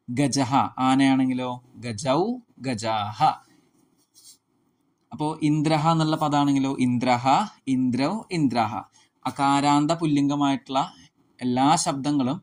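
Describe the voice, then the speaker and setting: Male teacher, patient, spells out word forms one by one, mid pitch. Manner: slow, deliberate recitation of word forms; repeats word lists and asks himself questions. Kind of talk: explaining a school lesson.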